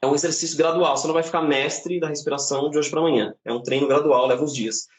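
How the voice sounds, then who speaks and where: A man with a Brazilian Portuguese accent giving a casual live-stream singing lesson from home, explaining in a relaxed way with frequent tag questions. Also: on the high side, fast talker, roomy sound. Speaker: singing teacher. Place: home, indoors.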